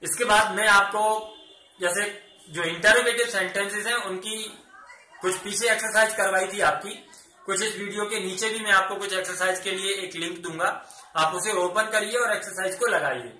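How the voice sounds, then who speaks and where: A man's voice: high-pitched, steady tone, moderate pace, sharp tone, roomy sound. A man teaching English grammar in a classroom lesson, explaining step by step and asking and answering his own questions.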